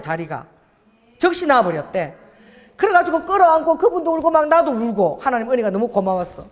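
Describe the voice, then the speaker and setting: Lively woman preaching in an echoing hall. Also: a little high. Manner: animated, prompts the congregation with "amen?". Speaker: pastor. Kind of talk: sermon with storytelling. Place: church worship hall. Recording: long hall reverb.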